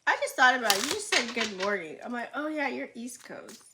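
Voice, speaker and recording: A woman's voice: on the high side, lively intonation, brisk, heavy background noise. A woman doing a casual astrology and tarot reading for her viewers, chatty and slangy, laughing often and acting out reactions, her speech a little muffled by a retainer.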